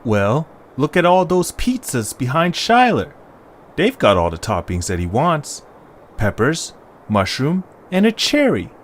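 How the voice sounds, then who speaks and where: A man with a mid-range voice and wildly swooping pitch speaks a little slowly, voicing a weary but good-natured young adventurer in a fan audio drama mixed with storybook narration. The character comes across casual and exasperated, the mood casual and thoughtful, over slight background noise.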